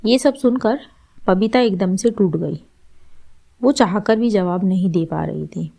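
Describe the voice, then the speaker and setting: A woman narrating a scripted family story in a steady, even way. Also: mid-range voice, measured pace, vocal fry.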